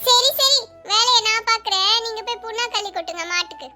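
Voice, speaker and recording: A sharp-tongued middle-aged village wife, voiced by a woman in an animated drama. She retorts in a bickering way, her voice very high and bright. Music runs behind. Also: fast talker, full character voice.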